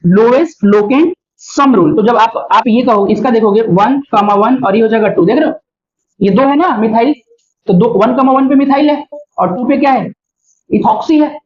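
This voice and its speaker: A man's voice: very high-pitched, moderate pace, darkish tone. A male chemistry teacher giving a classroom lecture, explaining step by step and often checking in with his students. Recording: dull lo-fi recording.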